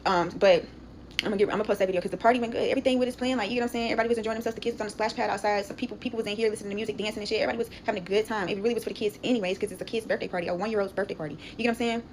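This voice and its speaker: A woman's voice: mid-range voice, fairly even intonation, rapid-fire, a little mellow, a little hiss or hum, rough recording. A young woman, telling a long storytime in chatty casual talk, often asking "you get what I'm saying?", recorded on a phone.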